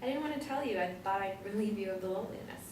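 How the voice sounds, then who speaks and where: A young woman in her twenties playing a sardonic ice cream seller who fires off deadpan comebacks. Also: mid-range voice, racing, natural voice. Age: 20s. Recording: roomy, distant from the mic, faint noise.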